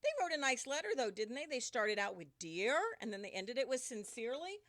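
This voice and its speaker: Animated woman reading a picture book. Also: on the high side, brisk. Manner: animated storyteller, asks the children questions. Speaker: teacher reading to a class. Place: indoors.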